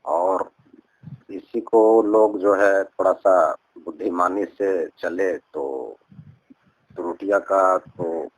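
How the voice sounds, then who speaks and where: On a recorded phone call, a man with a Bihari accent speaks earnestly and at length about personal matters, looping back to repeat his points in a rambling account. His voice is low-pitched and very slow, and the recording is dry.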